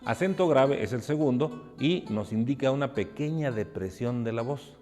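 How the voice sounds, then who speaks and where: A man narrating an educational lesson in a calm, measured way, explaining term by term. His voice sits at an ordinary pitch and rings with a long hall reverb, with faint guitar music underneath. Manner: measured, explanatory, spells out examples. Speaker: teacher.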